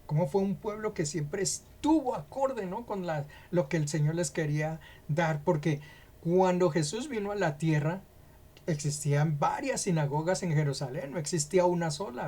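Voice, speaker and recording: A man's voice: fairly high pitch, darkish tone. A man with a Colombian accent leads a Bible teaching for a church broadcast. He explains things methodically and works through examples one at a time. He keeps checking in with his listeners through short rhetorical questions.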